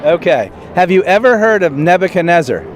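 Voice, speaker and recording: A man's voice: sits high, sing-song, a little fast, a crowd in the background. A man hosting street interviews, asking passers-by the same questions in a plain, hesitant way with frequent fillers and restarts. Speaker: street interviewer and show host. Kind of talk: street interviews and direct-to-camera intro.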